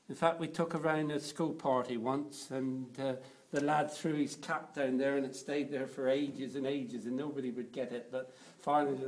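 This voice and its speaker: A man giving a cathedral tour explains things informally, in a halting, unscripted way. His voice is medium-pitched and a little mellow.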